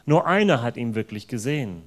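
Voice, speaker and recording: A man preaching a sermon in an earnest, emphatic way, stressing words with sudden loud bursts. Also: mid-range voice, expressive, fairly quick.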